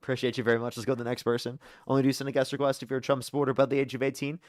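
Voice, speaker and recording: A young man hosts a live call-in debate stream, rushing rapidly through callers and tossing off sarcastic asides. His mid-range voice is level and sounds close and dry, with no room sound.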